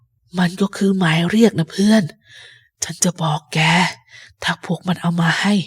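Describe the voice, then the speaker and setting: Woman reading as a husky, ailing old pirate captain. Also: fairly even intonation. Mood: secretive. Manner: slow, low, strained speech. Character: sick old male pirate captain, drink-hungry and fearful. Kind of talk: storybook reading.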